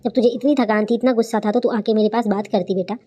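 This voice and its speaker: A gentle, wise older mother-in-law in a cartoon story, voiced by a woman. She talks quickly but soothingly, in a soft, mellow voice with a coaxing manner. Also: medium pitch, steady tone, highs cut off, close to an everyday voice. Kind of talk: cartoon voice acting.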